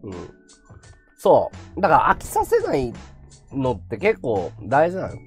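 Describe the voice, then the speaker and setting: Brief: chatty male streamer, pitch leaping all over, faint music in the background. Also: normal speed. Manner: chatty, animated, laughs a lot. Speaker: livestream host. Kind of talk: casual chat to viewers.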